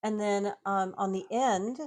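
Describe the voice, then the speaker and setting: Unhurried and steady, her medium-pitched voice has a darkish tone. She is an American tiki mug collector appearing as a guest in a casual chat, talking at length about her collection and laughing often.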